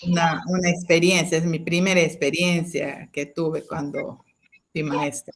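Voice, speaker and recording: A woman's voice: low-pitched, level tone, a little slow. Woman telling a teaching story. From Peru. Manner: storytelling, frequent hesitations and tag questions. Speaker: teacher sharing a testimony. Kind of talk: personal anecdote in an online class.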